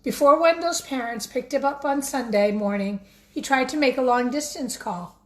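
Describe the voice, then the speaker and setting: High-pitched woman reading to children. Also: normal speed. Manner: expressive, addresses children directly. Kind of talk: picture-book read-aloud with questions to young listeners.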